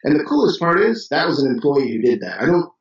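A man from Chicago with a Chicago accent, a business owner telling stories as a guest in a casual interview, animated and full of restarts. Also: fairly high pitch, fast talker, roomy sound, distant mic, lo-fi sound. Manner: animated storyteller, many restarts and fillers.

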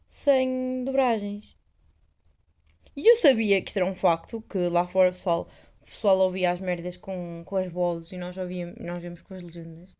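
A woman's voice: fairly high pitch, darkish tone. A young woman with a European Portuguese accent, hosting a casual solo podcast, rambling, swearing freely and poking fun at herself. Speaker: podcast host.

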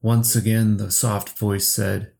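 A man narrating a horror story slowly and steadily for a podcast. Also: on the low side, level tone, creaky, darkish tone. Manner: slow, measured storytelling.

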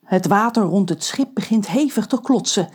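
A woman narrating a children's audiobook with lively, expressive storytelling. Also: mid-range voice, normal speed, slightly rough.

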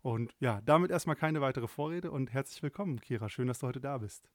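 A man in his thirties hosts a podcast interview, his questions relaxed and chatty, with plenty of fillers and self-corrections. His voice sits at a middling pitch and sounds dry and close, with little room around it. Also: fairly quick, no room sound. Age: 30s. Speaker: podcast host.

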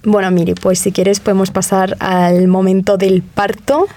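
A woman's voice: medium pitch, little pitch movement, unhurried, dark tone, soft background music. A woman hosting a casual podcast interview, encouraging her guest with guiding questions.

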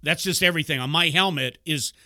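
A man co-hosting a podcast in casual chat, rambling and self-deprecating, thinking out loud into a headset mic. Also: fairly high pitch, fast talker, no room sound, studio quality. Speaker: podcast co-host.

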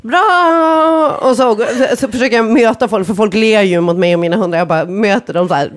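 A woman telling a funny personal story in casual talk. She swears freely, laughs often and acts out what people said with big jumps in pitch.

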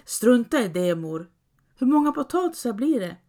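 A woman's voice: on the high side, sing-song, pitched above the performer's own voice. Woman doing a clever, insistent peasant girl. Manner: bright, insistent.

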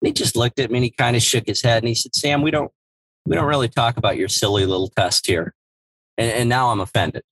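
A man co-hosting a business podcast, telling a story and acting out the dialogue with lively energy. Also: medium pitch, quick pace, no room sound, rough recording. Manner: animated storyteller who acts out dialogue. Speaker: podcast co-host, former evaluator. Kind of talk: casual storytelling chat.

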